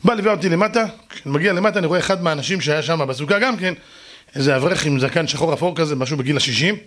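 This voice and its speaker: A man, a rabbi, telling a lively story straight to his listeners and acting out other people's voices. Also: a little high. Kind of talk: storytelling talk to an audience.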